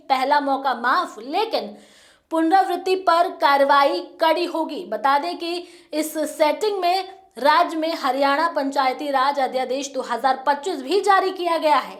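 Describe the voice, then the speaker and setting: A woman presenting a news report, explaining new rules in a formal, measured way. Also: high-pitched.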